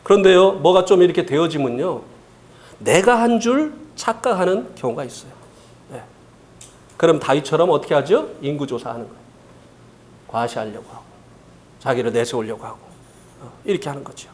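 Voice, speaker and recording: A man's voice: on the high side, normal speed, long pauses. A man preaching a sermon as pastor. He keeps asking the congregation for a reply and acts out a tempting voice. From South Korea. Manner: lively preaching, asks the congregation "예?" often, acts out the devil's coaxing voice.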